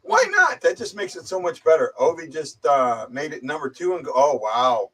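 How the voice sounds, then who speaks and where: This livestream host has a fairly high, sing-song, slightly bright and husky voice at normal speed. A slight head cold and a distant, muffled, speakerphone-like mic colour his casual chat, which is rambling and hesitant, full of stumbling repeats.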